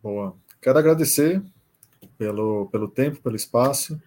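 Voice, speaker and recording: A man with a Brazilian Portuguese accent speaking as a guest on a podcast, relaxed and reflective. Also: medium pitch, moderate pace. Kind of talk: casual podcast chat.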